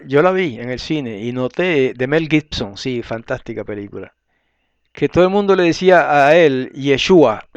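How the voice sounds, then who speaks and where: A man teaches a Bible study in a relaxed, conversational way, reading verses aloud and pausing to clear his throat. His voice is smooth and resonant at a middling pitch. The recording is dry and a bit dull and lo-fi. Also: no room sound. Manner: conversational, tag questions, frequent throat clearing.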